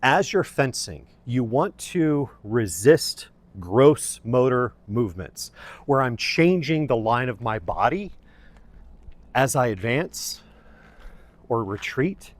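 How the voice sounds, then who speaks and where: A male instructor with a mid-range voice gives a fencing lesson. He explains technique methodically, laying out each point in deliberate, orderly phrases. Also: medium pitch, big pitch swings, no room sound.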